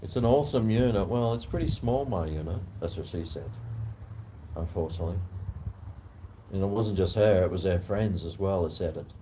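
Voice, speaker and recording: Low-voiced man with a broad Kiwi accent. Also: normal speed, mellow, rough recording. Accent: broad New Zealand. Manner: laid-back, slangy, sweary anecdote telling. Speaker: vlogger. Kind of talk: casual rambling chat to camera. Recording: noticeable background noise.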